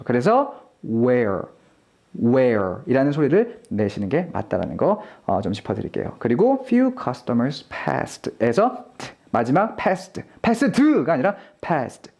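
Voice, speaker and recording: A pronunciation teacher giving a polite, patient online lesson, saying example words slowly and repeating them. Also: mid-range voice, warm tone. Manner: polite, encouraging instruction to viewers. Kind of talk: online lecture.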